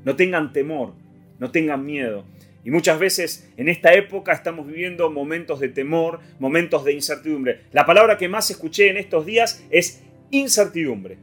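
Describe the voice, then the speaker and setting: A man with a Rioplatense Spanish accent preaching an Easter sermon, swinging from loud declarations to hushed lines. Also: a little high, moderate pace. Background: soft guitar music.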